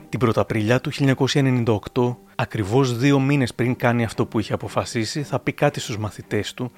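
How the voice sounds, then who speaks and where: A man in measured scripted narration for an audio documentary. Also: mid-range voice.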